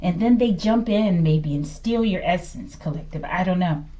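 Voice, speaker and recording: This tarot reader and host works through her reading off the cuff, her speech fragmented and murmured, frequently checking in with a questioning "okay?" at the end of phrases. She speaks at normal speed in a lowish, mellow voice.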